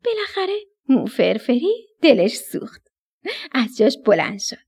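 A woman narrating a children's bedtime story on the radio, affectionate and animated as she addresses the kids. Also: on the high side, breathy edge.

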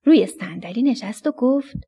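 Speaking affectionately and animatedly to the children, a woman narrates a bedtime story on the radio in a voice that is a little high, with a breathy edge.

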